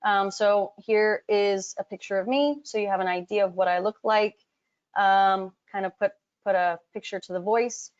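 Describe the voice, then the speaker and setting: A woman from Hong Kong presents a live business webinar at a medium pitch for a woman, talking straight to her audience in a chatty way. Her sentences are full of ums and small restarts. The sound is dull and lo-fi, like a computer mic on a web call. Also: steady tone, moderate pace. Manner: chatty, direct, addresses the audience often, frequent ums. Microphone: computer mic on a web call, camera off.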